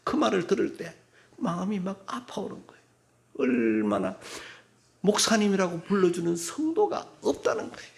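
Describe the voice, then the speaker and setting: A man in middle age delivers a church sermon in a high, gravelly voice. He moves between soft, low reflection and sudden loud, shouted stretches. The sound is of a pastor preaching from his own sanctuary. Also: wildly swooping pitch, moderate pace. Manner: swings from soft, low musing to loud, shouted scolding impressions.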